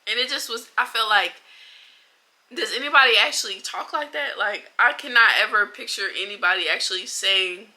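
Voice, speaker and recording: A young woman talks straight to camera about her month of reading, blunt and animated, tossing out slang as she goes. Her voice is very bright and sharp, at a middle pitch for a woman. She sounds like a friend venting over coffee. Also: normal speed. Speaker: book vlogger. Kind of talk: casual reading wrap-up chat.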